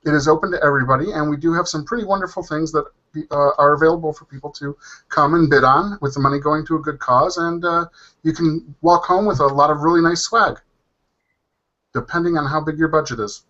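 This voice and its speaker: A man's voice: on the high side, fairly even intonation, fast, pushed and bright. A man talking casually as a panel guest, hesitant and full of ums and uhs. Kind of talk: casual chat. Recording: dull lo-fi audio.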